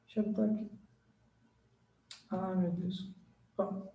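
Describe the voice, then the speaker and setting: Male teacher, slow and repetitive, checks in with the class, recorded off-mic in an echoey room. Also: high-pitched, level tone, gravelly, distant mic, lo-fi sound. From Brazil. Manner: slow, repeats words and checks in with "tá?" and "certo?". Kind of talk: recorded grammar lesson at a board.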